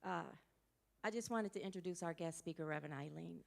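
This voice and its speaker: A woman's voice: lowish voice, a little fast, creaky. A woman minister introducing a guest speaker in church, chatty and emotional, with casual asides to the congregation. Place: church sanctuary.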